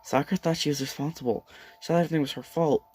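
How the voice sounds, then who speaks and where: A man's voice: on the high side, steady tone, rapid-fire, a little mellow, faint music behind. A man streaming, reading manga narration aloud plainly.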